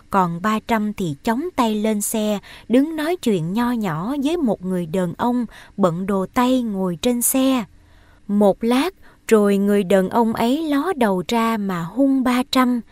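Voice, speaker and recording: A woman's voice: medium pitch, no echo. Woman narrating an audiobook in a dry, close recording. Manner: steady storytelling, lifting voice for dialogue. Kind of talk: scripted narration of a novel.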